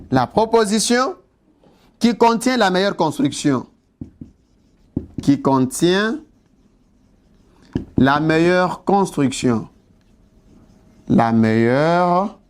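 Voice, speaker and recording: Slow, high-voiced man teaching a lesson. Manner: slow and deliberate, repeats key words, spells out terms; asks the class rhetorical questions. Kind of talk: exam-prep lesson, dictating and explaining.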